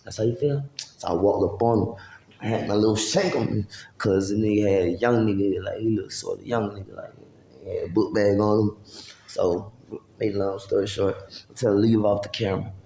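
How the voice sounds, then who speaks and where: A man's voice: fairly low pitch, fairly even intonation, fairly quick, creaky, dark tone, roomy sound, slight background noise. A man, casually telling a long, profane, rambling story to camera and acting out what people said. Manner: rambling, profane street talk with acted-out quotes. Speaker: vlogger.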